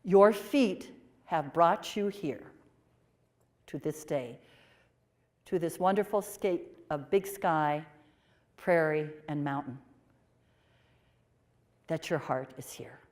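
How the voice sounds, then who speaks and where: A woman portraying a pioneering 1830s nun, telling her story in the first person with expressive swings from emphatic to hushed. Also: low-pitched, slow, pauses often. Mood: earnest. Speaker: performer of a historical portrayal.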